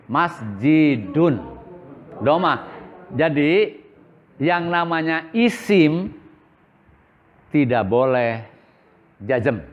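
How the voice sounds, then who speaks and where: A man's voice: fairly high pitch, muffled recording. A man teaching a religious school class, asking questions and answering them himself in a repetitive call-and-response way. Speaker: Islamic boarding school teacher.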